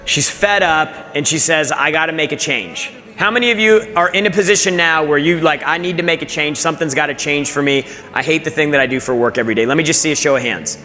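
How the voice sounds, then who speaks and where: An event host with a slightly high, sharp-toned voice talks fast and barely pauses as he runs an onstage interview. He is highly energetic and hypes up the audience. The large event hall adds reverb, with faint music in the background.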